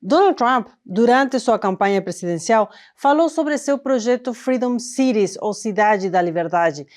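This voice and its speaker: Female news host, conversational, slightly high voice. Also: expressive, unhurried, darkish tone. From northern Argentina. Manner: explanatory, conversational. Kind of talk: news presenting. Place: studio.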